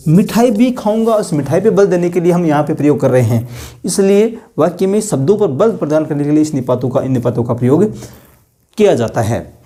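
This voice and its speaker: Man, grammar teacher, online lesson, slightly high pitch, warm tone, rhetorical questions, repeated example sentences.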